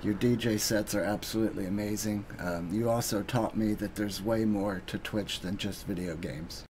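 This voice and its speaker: A man giving an earnest, halting thank-you speech on his live stream, pausing often with ums. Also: on the low side, steady tone, a little mellow, slight background noise. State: getting emotional.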